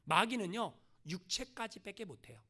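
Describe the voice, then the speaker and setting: High, lively-voiced male pastor preaching. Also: moderate pace, husky. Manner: rhetorical questions, emphatic preaching. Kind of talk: sermon.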